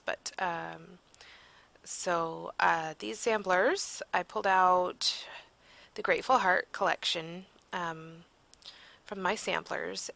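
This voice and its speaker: Woman crafter, casual voiceover, low and gravelly, sleepy, rambling delivery. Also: pushed and bright. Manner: rambling, searching for words with frequent ums. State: yawning, tired. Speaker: crafter narrating a process video.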